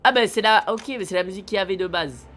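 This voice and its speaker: A man live-streaming a video game, excitable and slangy, talking straight to his chat. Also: high voice, quick pace, soft background music.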